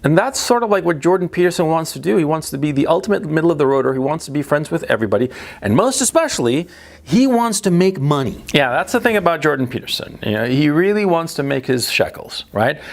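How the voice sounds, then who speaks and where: A man's voice: on the high side, animated, fast talker, vocal fry. A man who grew up in Chile and the United States, giving a blunt, emphatic opinion monologue, often restarting and tagging his points with "right?". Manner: emphatic, blunt, repeats for stress; speech full of restarts and tag questions. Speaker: political commentator.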